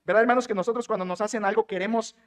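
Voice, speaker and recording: A man's voice: sits high, fairly even intonation, rapid-fire. A Mexican man preaching from the pulpit in a sermon style. He drives his points home with repeated phrases and keeps asking his listeners direct questions. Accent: Mexican Spanish. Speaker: pastor.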